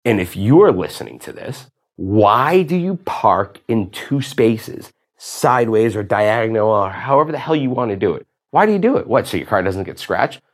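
A man's voice: on the low side, sing-song, moderate pace, hardly any pauses. A man hosting a podcast, delivering a profane, exasperated ranting monologue. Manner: exasperated, profane, rising to outbursts. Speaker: podcast host.

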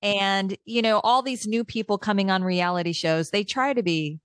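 A woman's voice: medium pitch, normal speed, no room sound. Podcast co-host: a woman with a mid-range voice, dry and close, who gushes and asks keen questions. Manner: enthusiastic, flattering questions. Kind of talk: casual chat.

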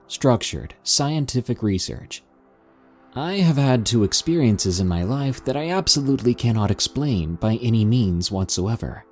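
A man with a lowish, slightly mellow voice hosts and narrates scary stories sent in by listeners. He reads the scripted material like a storyteller.

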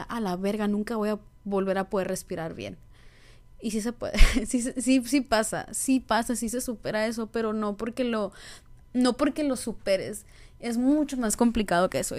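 A woman's voice: on the high side, darkish tone. A young woman with a Mexican Spanish accent, hosting a candid, casual podcast monologue full of slang and fillers. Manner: slangy, candid, many fillers and repeated words. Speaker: podcast host.

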